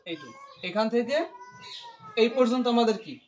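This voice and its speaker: A man's voice: extremely high pitch, animated, moderate pace, muffled recording, crowd noise. A man tutoring English grammar, asking questions and repeating the student's answers, explaining step by step. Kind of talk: English grammar lesson with call-and-response.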